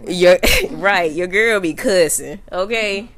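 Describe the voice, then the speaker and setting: A young woman with a Southern US accent hosting a casual podcast chat, animated and swearing freely. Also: on the low side, slow, a crowd in the background. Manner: animated, cussing, fillers like "you know what I'm saying". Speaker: podcast host.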